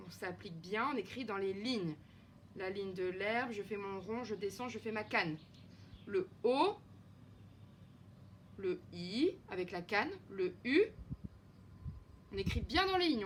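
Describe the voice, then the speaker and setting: A woman teacher giving a slow, clear, encouraging video lesson to young children. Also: on the high side, fairly bright tone, slight background noise. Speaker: kindergarten teacher. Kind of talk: home-schooling video lesson.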